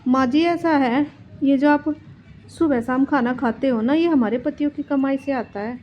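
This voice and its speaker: Cartoon younger daughter-in-law, blunt and demanding, high voice, lo-fi with faint music, as a woman puts her on. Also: moderate pace, a little hiss or hum, close to an everyday voice. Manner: blunt, lecturing.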